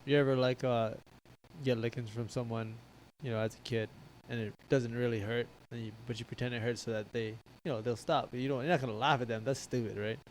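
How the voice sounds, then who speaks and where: A man's voice: medium pitch, steady tone, slight background noise, low-quality recording. A man on a podcast telling family stories in casual chat, with frequent restarts. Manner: storytelling, halting with restarts. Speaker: podcast co-host.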